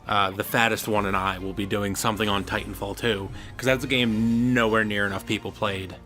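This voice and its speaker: A man's voice: lowish voice, level tone, brisk, bright, forceful tone. Chatty man riffing over a video game. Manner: chatty, opinionated, swears casually. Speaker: co-host playing a video game. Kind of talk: casual gameplay chat.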